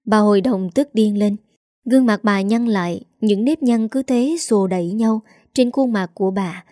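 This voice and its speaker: A woman narrating a dramatic family story in a measured storytelling manner. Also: mid-range voice, warm tone, no room sound, clean studio sound.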